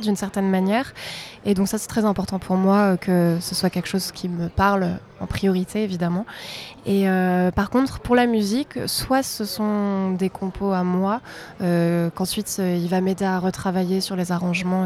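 A woman's voice: mid-range voice, darkish tone. A young woman from south-east France, a singer-songwriter, answering interview questions in a conversational way.

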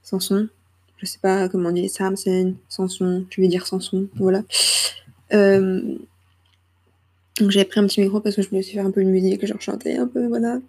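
Gravelly, husky young woman chatting. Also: medium pitch, flat delivery, fairly quick, pauses often, mellow. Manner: rambling, hesitant and self-deprecating, with frequent laughs. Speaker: podcast host. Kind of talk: casual solo podcast chat. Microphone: small microphone.

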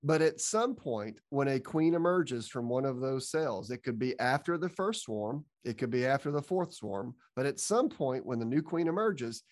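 A man's voice: medium pitch, animated, moderate pace, few pauses, darkish tone. Methodical man explaining on a podcast. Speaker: podcast co-host and beekeeping expert.

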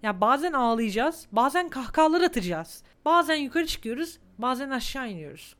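A woman's voice: sits high, very animated, fairly quick, fairly bright tone. A woman in her twenties hosting a solo podcast, talking candidly and emotionally, close to tears at times. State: on the verge of tears. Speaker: podcast host. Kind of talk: reflective solo podcast monologue.

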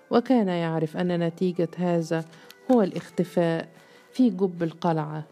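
Woman, audiobook narration, measured, lowish pitch, soft dark tone. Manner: steady, measured storytelling. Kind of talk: scripted narration of a historical novel.

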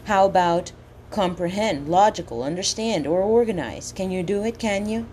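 A woman with a slushy s lisp delivers a scripted coaching pep talk, deliberate and emphatic, often turning questions toward the listener. This time her pitch is medium, her tone a little mellow, with a faint hiss or hum present.

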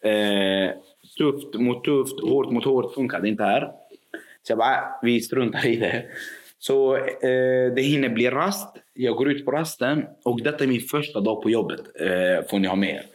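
A man recounting a story in casual chat. He acts out each voice and hesitates with fillers, his pitch sitting in the middle. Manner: animated, acts out dialogue, frequent fillers. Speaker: podcast guest telling a school story.

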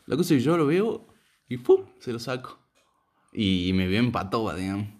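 A man's voice: fairly low pitch, very animated, a little fast. A young man with an Argentine accent telling a rambling story in casual chat, full of slang and fillers. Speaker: podcast co-host telling a story.

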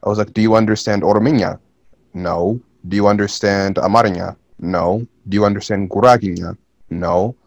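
A man's voice: on the low side, steady tone, fairly quick, no echo. A young man in casual podcast chat who tells a story hesitantly, with many "uh"s and apologetic interjections. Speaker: podcast co-host.

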